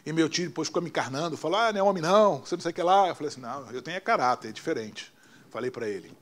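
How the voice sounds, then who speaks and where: Brazilian pastor, man, high voice, dramatic sermon testimony, hushed quoted lines. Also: animated, rapid-fire. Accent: Brazilian Portuguese.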